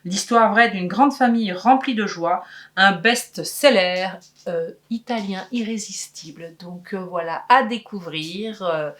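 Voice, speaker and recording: A woman presents upcoming novels in a relaxed, chatty way. She often stops on fillers and restarts her sentences. Her pitch sits in the middle range for a woman. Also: measured pace. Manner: hesitant, frequent fillers. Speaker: book channel co-host. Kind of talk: casual book presentation.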